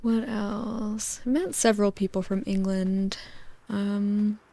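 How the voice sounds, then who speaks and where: Brief: young woman, soft-spoken ASMR host, mellow low-key tone, drifts into whispers. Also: fairly even intonation, takes it slowly, creaky. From United States. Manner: gentle, rambling, with whispered asides and soft laughs. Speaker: gaming channel host. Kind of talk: soft-spoken ASMR rambling over gameplay. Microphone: close microphone, spoken softly.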